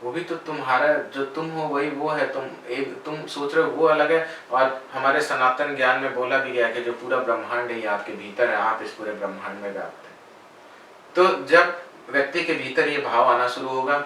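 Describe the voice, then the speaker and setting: A spiritual guide answers interview questions in a calm, measured way. The man's voice is bright and forceful. He sits well back from the mic in a very echoey room with faint noise behind. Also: mid-range voice, recorded from a distance. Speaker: spiritual guide and meditation teacher.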